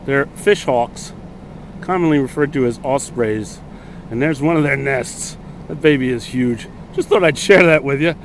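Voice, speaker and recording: A man's voice: mid-range voice, normal speed, slight background noise. A middle-aged man giving casual, jokey running commentary outdoors, close to a handheld camera. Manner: jokey, egging on. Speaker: host filming a cold plunge. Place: outdoors by a bay. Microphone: handheld camera held close.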